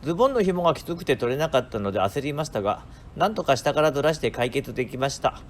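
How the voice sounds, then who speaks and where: A man's voice: mid-range voice, animated, fast, a little hiss or hum. A man narrating his own vlog as a scripted voice-over. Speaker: vlogger narrating own marathon video.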